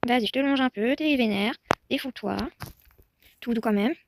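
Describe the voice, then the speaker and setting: A young woman with a high, light voice talks to her virtual horse while she plays. She coaxes it with gentle, soothing words and calls out sharply when it gets away. A faint hiss of noise sits under the recording. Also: normal speed. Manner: soothing horse-talk, swinging to panicked shouting. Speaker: Roblox horse-riding roleplay streamer. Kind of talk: casual gameplay commentary talking to her virtual horse.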